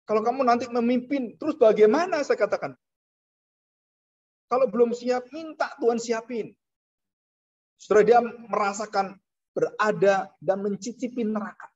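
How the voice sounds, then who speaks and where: A man preaching a sermon as a pastor, animated, his voice rising high when he acts out frightened people and dropping low for solemn points. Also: moderate pace, long pauses. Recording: dull lo-fi sound.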